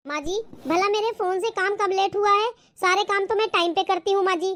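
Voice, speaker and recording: A woman's voice: extremely high pitch, fairly quick, fairly bright tone. A woman voicing a fed-up young daughter-in-law who protests sharply in a cartoon. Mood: defiant.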